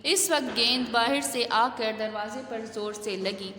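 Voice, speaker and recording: A woman's voice: on the high side, sharp tone. A woman teacher reading a story aloud and glossing hard words in simple terms. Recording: echoey room.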